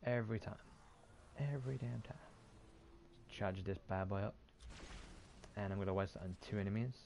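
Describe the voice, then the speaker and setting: Over clearly audible game noise, a male gaming video host keeps up casual, sweary commentary on his play, frequently muttering to himself. His lowish voice is steady and somewhat dark, and he speaks at a normal speed.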